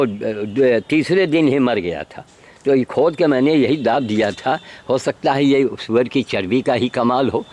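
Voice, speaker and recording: An older man walks among trees outdoors, holding the camera himself and talking into its built-in mic. His voice sits at an ordinary middle pitch. He rambles bluntly and with emphasis, often firing rhetorical questions at the viewer. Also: a little mellow. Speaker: vlogger showing his garden. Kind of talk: rambling self-filmed commentary. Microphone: handheld camera mic.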